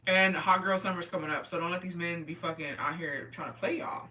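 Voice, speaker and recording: On a casual livestream, a tipsy twentysomething woman chats with viewers, reading comments and replying in slang peppered with swearing and Spanish. Her low-side voice stays fairly even, a little fast, pushed and bright. She's distant from the mic, and there's slight background noise.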